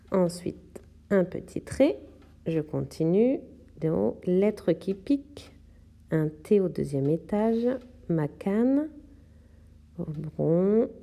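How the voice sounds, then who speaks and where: A woman guides young children through handwriting, narrating each stroke in slow, careful steps. Her voice is deeply mellow and dark in tone, and she takes her time, unhurried and patient in delivery. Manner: slow, step-by-step instructions while writing. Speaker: teacher. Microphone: tablet microphone.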